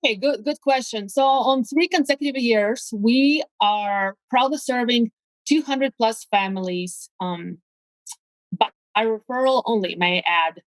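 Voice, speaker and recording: A Latvian woman with a Latvian accent speaks English as a second language, appearing as an eager real estate agent guest on a casual interview. Her fairly high voice is unhurried, and she repeats words while searching for phrasing. The recording is rough but has no echo.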